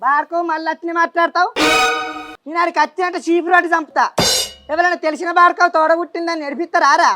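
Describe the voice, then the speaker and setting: A woman doing a village mother, Telangana accent, scolding and consoling, high pitch, soft music underneath. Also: level tone, quick pace. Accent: Telangana Telugu. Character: scolding village mother, soothing daughter and berating son.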